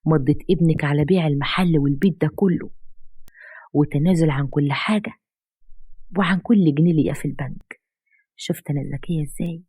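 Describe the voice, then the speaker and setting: A woman's voice: sits low, brisk, long pauses, warm tone, breathy edge, dry recording, studio quality. A woman voicing a scheming, manipulative young ex-wife who taunts and threatens. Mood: gloating.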